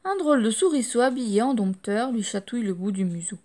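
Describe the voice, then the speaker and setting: A woman reading a children's storybook aloud, lively and expressive. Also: fairly high pitch, fairly quick. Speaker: audiobook storyteller.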